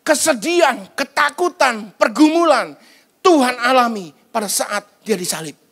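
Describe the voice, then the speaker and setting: High-voiced man preaching conversationally. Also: lively intonation, measured pace, fairly bright tone. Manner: conversational, colloquial preaching with slang; acts out quoted voices in passing. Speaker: pastor. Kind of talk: sermon at an online prayer service.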